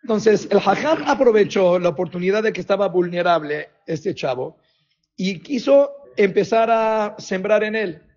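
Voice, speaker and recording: A man preaching as a rabbi, animated, firing off rhetorical questions. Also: high voice, moderate pace. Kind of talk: sermon. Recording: dull lo-fi recording.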